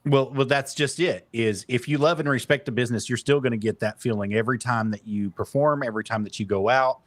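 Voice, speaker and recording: A man's voice: medium pitch, fairly quick, no echo. A man hosting a wrestling talk show, asking about a guest's career and talking eagerly about his love of wrestling. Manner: enthusiastic wrestling fan, laughs easily. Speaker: host. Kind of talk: casual interview.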